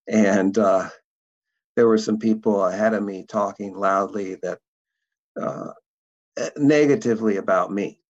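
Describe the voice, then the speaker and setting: Male guest, gravelly, hesitant and thoughtful, dull muffled audio. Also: on the low side. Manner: thoughtful, halting with many fillers. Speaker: interview guest, documentary producer. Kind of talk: conversational interview.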